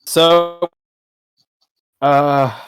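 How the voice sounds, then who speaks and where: A man's voice: on the high side, extremely slow. Guy running a tabletop rpg, chill voice, laughs a lot. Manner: laughing, relaxed storytelling. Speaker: game master. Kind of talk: narrating a tabletop game.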